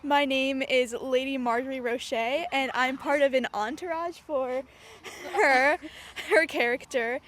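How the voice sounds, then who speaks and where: A woman cast member outdoors, answering haltingly with many "um"s and "like"s. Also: sits high, fairly even intonation, a bit bright, slight background noise. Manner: hesitant, full of 'um' and 'like'. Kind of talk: casual interview answers. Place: outdoor theatre stage.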